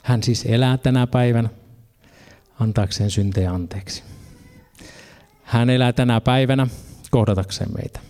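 A man's voice: medium pitch, long pauses, darkish tone. A man preaching a sermon, earnest, reading scripture passages and adding casual asides.

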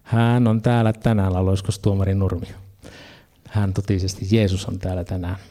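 A man's voice: deep voice, level tone, mellow. A man preaching a sermon, earnest, reading scripture passages and adding casual asides.

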